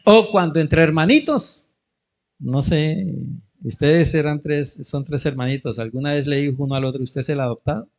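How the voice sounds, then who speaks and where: A man's voice: on the high side, moderate pace, darkish tone. A middle-aged man with a Colombian Spanish accent, preaching a sermon in church, telling anecdotes and joking with the congregation. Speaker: pastor.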